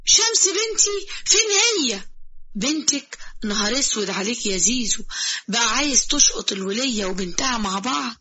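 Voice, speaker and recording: A sharp-tongued older mother scolds in a high, shrill Egyptian voice, as a woman storyteller plays her. The tone is bright and husky, and the audio sounds a little dull. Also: big pitch swings, normal speed, full character voice. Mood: scolding. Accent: Egyptian Arabic.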